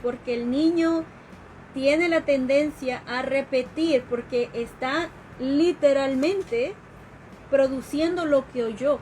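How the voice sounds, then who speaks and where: During a live stream, a female educator with a high, darkish voice gives an unhurried talk, explaining patiently with fillers and restarted sentences. She acts out quoted questions, and a faint background hiss sits under the low-quality recording.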